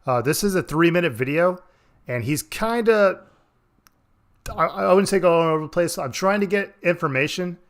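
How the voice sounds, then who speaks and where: A man's voice: high-pitched, animated, normal speed. A man giving casual, rambling reaction commentary on a stream, swearing freely. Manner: rambling, profane, laid-back.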